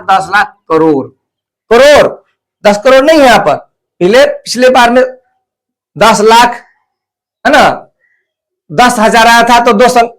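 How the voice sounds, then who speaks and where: A man with a high voice teaches a math lesson. He talks slowly and deliberately and counts off each step, repeating it so that children can follow. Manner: slow, deliberate, repeats place values step by step.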